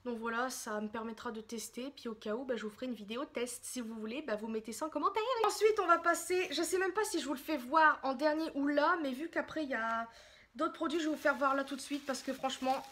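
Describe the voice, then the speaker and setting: A woman chatting casually in a makeup haul vlog, excitable, gushing and often apologizing. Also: high-pitched, fast. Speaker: beauty vlogger.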